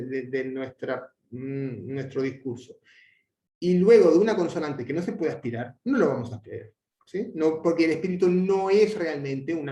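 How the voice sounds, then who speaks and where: A man teaching a language lesson, explaining at length with frequent restarts and fillers, and drawing out his example words slowly. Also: a little high, a little mellow. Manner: hesitant, many restarts and fillers. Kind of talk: explanatory lecture. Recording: echoey room.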